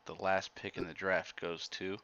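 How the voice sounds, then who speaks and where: A man's voice: sits low, level tone, moderate pace, gravelly, sharp tone, clear, resonant tone, muffled recording. A man hosting a casual livestream, laid-back and dry as he announces picks. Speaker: host.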